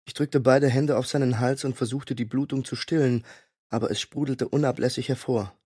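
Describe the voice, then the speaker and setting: A man reading a fantasy audiobook in a steady, measured storytelling way. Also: medium pitch, breathy edge, no room sound, clean studio sound. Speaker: audiobook narrator. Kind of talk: scripted narration.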